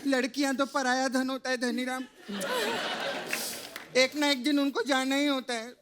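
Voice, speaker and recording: A man's voice: extremely high pitch, little pitch movement, a little slow. A man in a stage comedy sketch playing a cheeky schoolboy, teasing and childlike. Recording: studio audience, loud stage noise.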